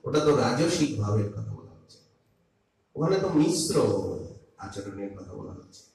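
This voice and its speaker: An older man giving a Vaishnava sermon on scripture, slow and emphatic, dropping from loud to soft, sometimes chanting Sanskrit verses. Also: medium pitch, expressive. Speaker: Vaishnava preacher. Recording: echoey hall, voice from a distance, faint hum.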